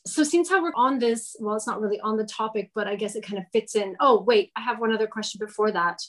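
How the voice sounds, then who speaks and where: A woman's voice: medium pitch, quick pace, a bit bright. A woman hosting a casual interview, chatty and self-deprecating, thinking aloud as she asks questions. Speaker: interviewer host.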